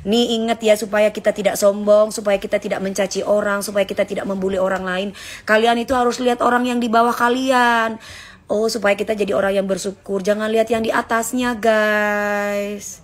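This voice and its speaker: A woman hosting a casual livestream on her phone, chatting with viewers and lecturing her son in a warm, teacherly way. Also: medium pitch, level tone, brisk. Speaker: livestream host reading viewer comments. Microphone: phone held for a livestream.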